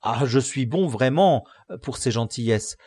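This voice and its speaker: A man voicing a simple, blunt, loyal squire in an audiobook, excitable and pleading, pitched higher than his narration. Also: unhurried, slightly rough, no echo, studio quality. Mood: indignant. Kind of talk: audiobook character reading.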